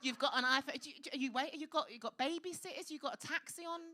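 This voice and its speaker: A man with a high-pitched voice hosting a live stand-up night, teasing the crowd with cheeky, camp, sweary banter on a comedy club stage. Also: quick pace, pushed and bright. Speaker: comedy host.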